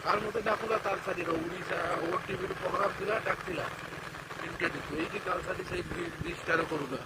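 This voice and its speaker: A man's voice: sits high, steady tone, fast. A man chatting casually with a companion outdoors on a ride, with wind buffeting the microphone. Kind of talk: casual chat. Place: outdoors on a moving motorbike. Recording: loud wind on mic, traffic noise. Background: loud wind and vehicle noise.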